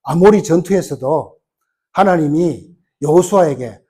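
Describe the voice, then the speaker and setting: Animated high-voiced male pastor preaching. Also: measured pace, slightly rough. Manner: animated, fires rhetorical questions at the congregation. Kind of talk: sermon.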